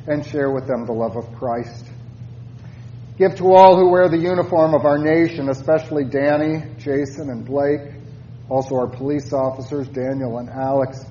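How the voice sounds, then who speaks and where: A man leading formal church prayers as a pastor, in a solemn, measured manner. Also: medium pitch, warm tone, roomy sound. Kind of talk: formal liturgical prayer and chant. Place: church service. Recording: muffled church recording with faint noise.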